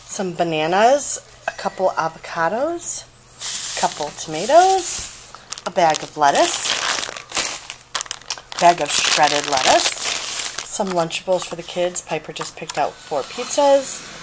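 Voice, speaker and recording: A middle-aged woman with a slightly low voice chats casually through her weekly groceries, listing each item with ums and asides. She is recorded on a handheld phone in a home kitchen. Plastic bags crinkle clearly behind her. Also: very animated, slow, background noise. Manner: chatty, listing items with fillers. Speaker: vlogger. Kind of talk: casual grocery haul chat.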